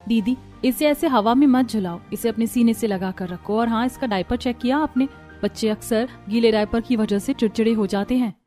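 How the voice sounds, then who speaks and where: एक महिला के अभिनय में ममता भरी कार्टून बहू, ऊँची पर नरम आवाज़ में सलाह देती हुई। पीछे धीमा संगीत सुनाई देता है।. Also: female voice, fairly high pitch, a little fast, close to an everyday voice. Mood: caring. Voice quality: gentle, earnest. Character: kind caring young wife and mother. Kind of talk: Hindi cartoon voice acting. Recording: light music behind voice.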